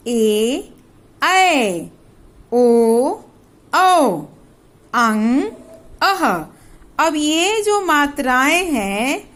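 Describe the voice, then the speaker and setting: A woman teacher with a Bihari Hindi accent gives a primary school lesson on the Hindi alphabet. She sounds out each letter slowly and asks the children questions, then answers them herself. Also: sits high, a bit bright. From India.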